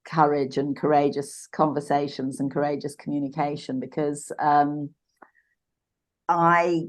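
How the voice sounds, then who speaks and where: Low-voiced woman in her sixties, reflective. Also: level tone. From Uganda. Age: 60s. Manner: reflective, halting, with frequent restarts and fillers. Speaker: podcast guest. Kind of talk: personal storytelling in a podcast interview.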